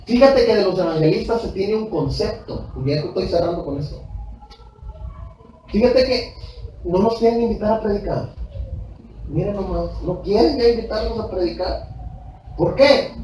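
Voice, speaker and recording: A male pastor preaches in a high, emphatic voice, hammering his points home through repetition and direct questions to the congregation. He slips into personal anecdotes told conversationally from the pulpit. The recording is echoey and picked up from far off in a church hall. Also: animated, moderate pace, long pauses, warm tone, a little hiss or hum. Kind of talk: preached sermon.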